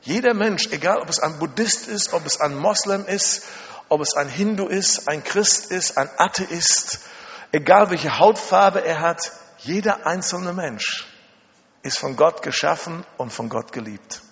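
Unhurried and slightly high, a bit bright in tone, a middle-aged man from Germany delivers an emphatic sermon of personal stories, repeated phrases, and rhetorical questions. The sound is muffled, with the long reverb of a large hall.

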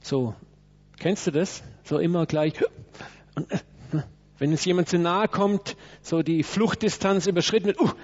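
A man with a high, steady voice and a darkish tone preaches a sermon in a church at a measured pace. He speaks emphatically, acts out quotes, and turns to address people in the room directly. The recording is dull and lo-fi.

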